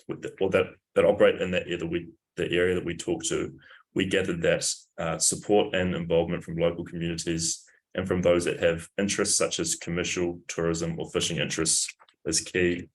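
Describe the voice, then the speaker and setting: Deep, flat-voiced man reading a presentation. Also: gravelly, slightly rough. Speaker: student presenter. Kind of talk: read presentation.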